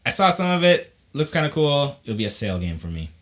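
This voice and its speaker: A man's voice: mid-range voice, sing-song, quick pace, fairly bright tone. A man co-hosting a podcast, going over game news in enthusiastic, blunt casual chat with mild swearing. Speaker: podcast co-host.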